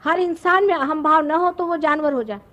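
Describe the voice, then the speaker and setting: High-voiced woman giving a spiritual talk. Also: bright, forceful tone. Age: 50s. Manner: slow, explanatory, with pauses. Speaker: spiritual teacher. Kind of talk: spiritual discourse. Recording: archival talk recording.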